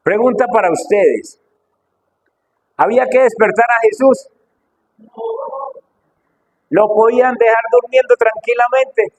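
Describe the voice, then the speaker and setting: A man's voice: slow, pauses often, poor audio. A middle-aged man preaching a sermon with fervour, asking the congregation one rhetorical question after another and swinging his voice up and down. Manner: fervent, full of rhetorical questions, wide swings in pitch and loudness.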